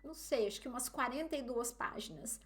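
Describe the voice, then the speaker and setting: Chatty Brazilian woman with a higher voice. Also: a little fast. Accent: Brazilian Portuguese. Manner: chatty, often addresses listeners as "gente". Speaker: vlogger. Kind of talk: casual storytelling to camera.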